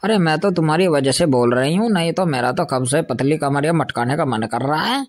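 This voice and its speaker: A woman's voice: low voice, expressive, brisk. A woman with a western Uttar Pradesh Hindi accent, doing mocking, grumbling banter in a rustic comedy skit. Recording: loud background noise.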